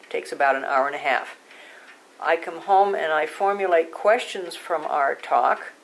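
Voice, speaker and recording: Older woman reminiscing in low, halting phrases. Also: creaky, low-quality recording. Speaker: oral history project interviewee. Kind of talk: recorded oral history interview, recollecting.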